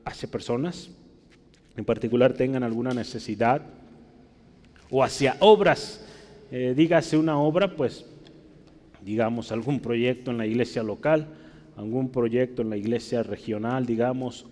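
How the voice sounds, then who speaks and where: A man's voice: medium pitch, a little slow, pauses often, darkish tone, long reverb tail. A man preaching a teaching sermon in a church, explaining in a conversational way and often checking with his listeners.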